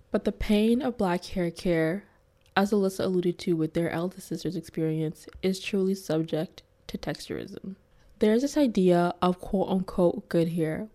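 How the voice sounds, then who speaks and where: A woman's voice: fairly low pitch, mellow. A young woman hosting an interview, chatting casually and reading scripted narration. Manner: casual, filler-heavy in chat. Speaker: host.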